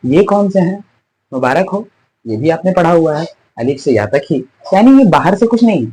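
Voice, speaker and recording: Male teacher, slightly high and husky, patient and repetitive, drills sounds for online students. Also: mellow, low-quality recording. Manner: patient, repeats and drills letter sounds, asks and answers own questions. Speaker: Tajweed teacher. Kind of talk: online lesson, explaining and demonstrating letters.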